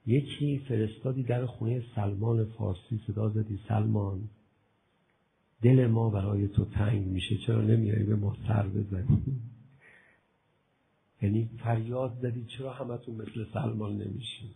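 A man preaching a religious sermon, acting out imagined talks with his listeners, going from a soft murmur to loud outbursts. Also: fairly low pitch, steady tone, gravelly, phone-quality sound, a little hiss or hum. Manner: acts out both sides of imagined dialogues with listeners; swings from soft murmur to loud impassioned exclamation.

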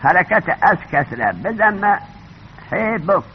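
Lively high-voiced male teacher lecturing. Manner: questions the class and repeats key points. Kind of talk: classroom lecture on grammar. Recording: dull lo-fi recording with faint noise.

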